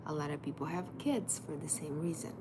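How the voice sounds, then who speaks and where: Over a noisy background, a Portuguese-speaking woman in her thirties delivers a motivational livestream as an emphatic life coach. She speaks low and fairly quickly, pressing her audience again and again in the second person.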